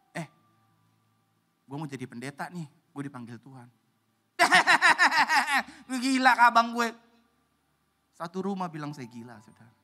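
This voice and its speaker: A man preaching a sermon as a pastor, animated and swinging from loud to hushed as he acts out other voices. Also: high voice.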